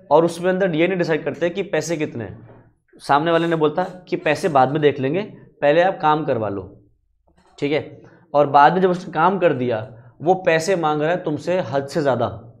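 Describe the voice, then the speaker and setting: A man teaching a commerce law lecture in a chatty way, explaining with everyday examples, asking his students questions and reading English definitions slowly. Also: on the high side.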